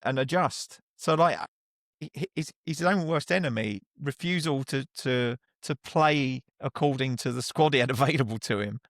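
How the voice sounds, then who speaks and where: A man co-hosting a football podcast, giving measured analysis that turns frustrated, in casual chat. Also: medium pitch, dry recording, studio quality.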